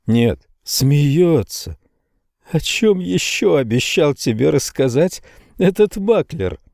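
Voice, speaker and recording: A male audiobook reader voicing a calm, cynical colleague on a trading floor, speaking matter-of-factly. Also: fairly high pitch, slow, gravelly, dry recording, clean studio sound, pitched above the performer's own voice, exaggerated voice. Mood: puzzled. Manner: flat, matter-of-fact delivery.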